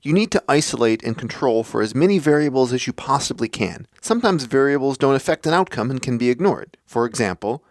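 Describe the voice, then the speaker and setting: Man, podcast host, measured, mid pitch, dead-dry room. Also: no echo. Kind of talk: scripted explanatory monologue.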